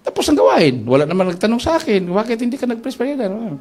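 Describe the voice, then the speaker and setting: A man preaching at a church worship service, telling stories in an animated way and acting out the dialogue. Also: high-pitched, fast talker. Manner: animated storyteller who acts out dialogue. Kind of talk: storytelling sermon.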